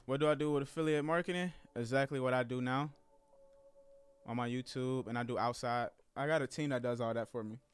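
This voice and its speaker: A man in his thirties talking casually to his live-stream viewers, calling them guys and y'all. He rambles in a relaxed way at a medium pitch. Faint music plays underneath. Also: a little fast, clear, resonant tone. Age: 30s. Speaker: trading streamer.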